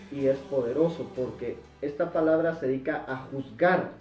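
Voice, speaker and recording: A man's voice: a little high, warm tone, echoey room, distant mic, poor audio. A man teaching a Bible sermon in an emphatic way, repeating words for stress. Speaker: preacher.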